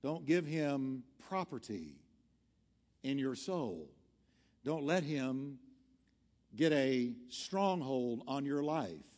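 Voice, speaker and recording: Speaking extremely slowly with long pauses, this pastor delivers an animated sermon with an altar call in a medium-pitched, darkish voice. He exhorts earnestly, driving points home through short, emphatic repetition. The sound carries long hall reverb over background music.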